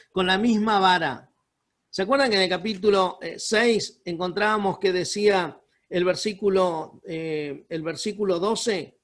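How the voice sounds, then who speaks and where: A man's voice: high-pitched, fairly bright tone. A man preaching a Sunday sermon, speaking emphatically and breaking into pleading, prayer-like lines. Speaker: pastor. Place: home room over a video call. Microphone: video call mic.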